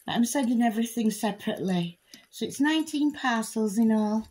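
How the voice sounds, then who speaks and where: Storybook figure: woman voicing a sweetly vindictive ex-wife, raised pitch, light and innocent. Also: lively intonation, a little fast, a little mellow, lightly acted, poor audio. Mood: sweetly spiteful. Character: cheerful spiteful woman posting her ex's things.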